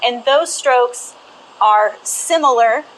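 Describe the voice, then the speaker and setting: A woman's voice: on the high side, takes it slowly, fairly bright tone, a little hiss or hum, low-quality recording. A woman giving formal, explanatory testimony as an expert witness. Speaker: expert witness, forensic document examiner.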